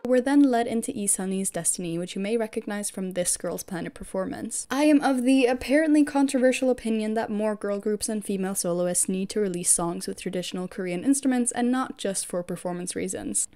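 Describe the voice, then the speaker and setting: A K-pop fan video creator, her voice back after losing it, delivers a scripted voice-over ranking her favorite picks from a music group. She speaks at a medium pitch, fairly quickly and with few pauses, in a warm tone. Her manner is opinionated and chatty, full of fan enthusiasm.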